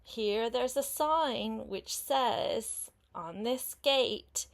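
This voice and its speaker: Like a grandmother, an older woman with a fairly high voice reads a picture book to a child, unhurried and expressive. She stops to explain words and ask questions in chatty asides to her young listener.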